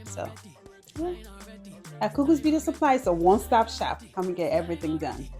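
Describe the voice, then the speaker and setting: A woman's voice: mid-range voice, sing-song, a little fast, mellow, soft background music. Liberian-born woman chatting about her life. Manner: chatty, with many "you know" fillers. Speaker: business owner interviewee. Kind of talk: casual interview.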